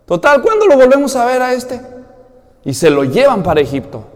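High-voiced Mexican preacher in a reverberant hall. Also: male voice, brisk. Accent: Mexican Spanish. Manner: animated storytelling, acting out voices. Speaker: pastor. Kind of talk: sermon.

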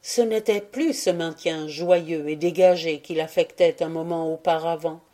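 A woman reading a classic tale aloud as an audiobook narrator, with steady, measured storytelling. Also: low-pitched. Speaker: audiobook reader.

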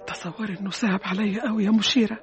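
An actress with an Egyptian accent playing a curious, soft-hearted young woman passerby in a radio drama, on a dull old recording. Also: medium pitch, steady tone, racing, a crowd in the background, close to an everyday voice. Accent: Egyptian Arabic. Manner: curious, wondering.

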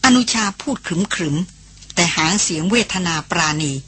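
A woman reading a novel aloud as an audiobook narrator, in slow, hushed narration. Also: lowish voice, lively intonation, slightly rough. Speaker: audiobook reader.

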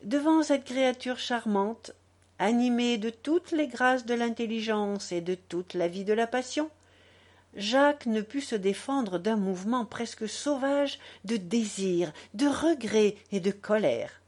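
Slow, expressive woman reading a novel. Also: on the high side. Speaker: audiobook narrator. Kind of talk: literary reading.

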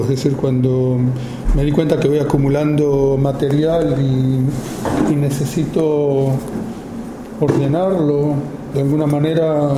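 A man in his fifties from Argentina with an Argentine Spanish accent, speaking informally to an audience about his work, slowly and with many pauses and fillers. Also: a little high, reverberant, noisy background. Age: 50s. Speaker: photographer giving a talk.

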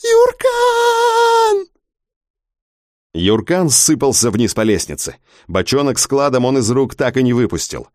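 A man's voice: medium pitch, expressive, normal speed, a little mellow, dry recording, clean studio sound. A man giving tense, vivid dramatic audiobook narration.

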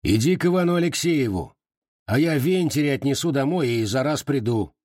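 A man's voice: mid-range voice, lively intonation, a little fast, a little mellow, no room sound, studio quality, pitched above the performer's own voice, natural voice. A man voicing an earnest young Cossack who scolds his comrades, with a raised, reproachful delivery. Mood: calling.

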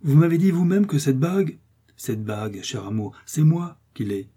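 A man reading aloud and playing a bold young swordsman, gallant and teasing, in a husky, dark voice. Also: fairly high pitch, very animated, normal speed, voice pushed up. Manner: gallant, mocking confidence.

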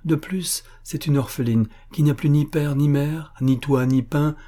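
A man's voice: on the high side, fairly even intonation, unhurried, mellow, voice pushed up, lightly acted. A man reading a cheerful young student. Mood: cheerful, pleading.

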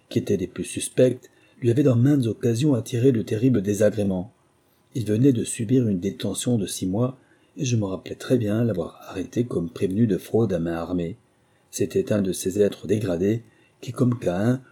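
A man with a French accent reading a memoir aloud in a measured, literary first-person style. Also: lowish voice, mellow, breathy edge. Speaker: audiobook narrator. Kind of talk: scripted first-person narration.

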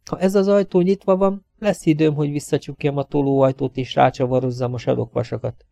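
A man's voice: on the high side, fairly even intonation, vocal fry, warm tone, no room sound, voice pushed up. A man reading a resourceful young woman agent's lines in an audiobook, urgent and raised.

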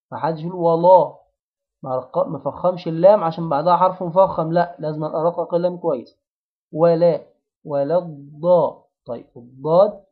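A man with an Egyptian accent teaching the pronunciation of recitation, repeating words and syllables slowly to drill them. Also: on the high side, phone-quality sound. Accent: Egyptian Arabic. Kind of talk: tajweed pronunciation lesson.

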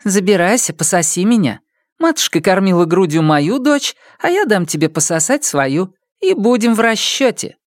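A brazen, mocking young village woman taunts in a high, raised voice, as a man reading aloud puts her on. The pitch swoops in a lively way and the recording is close and dry, as in a storybook audiobook. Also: moderate pace, no echo. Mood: teasing. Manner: taunting and coaxing.

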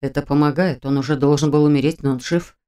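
Woman voicing a quiet grieving mage. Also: sits low, steady tone, quick pace, smooth, pitched below the performer's own voice, natural voice. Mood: hushed. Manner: quiet, restrained.

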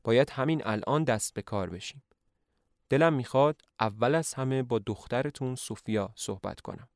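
A man's voice: medium pitch, no echo, clean studio sound, close to an everyday voice. A man doing a polite, hesitant young teacher. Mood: earnest. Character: earnest young male teacher, polite and nervous.

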